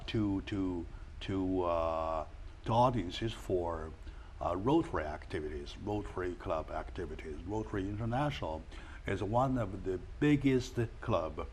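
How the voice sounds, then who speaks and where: Low-voiced male host, halting speech. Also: slight background noise. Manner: halting, many fillers and restarts. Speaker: talk show host. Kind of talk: casual interview.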